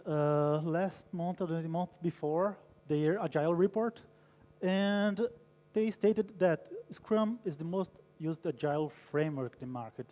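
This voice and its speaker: Here a man from Brazil with a mellow, slightly high voice delivers an engaging talk at a conference. He polls the crowd and tells a story, and the big hall lends the audio a long reverb.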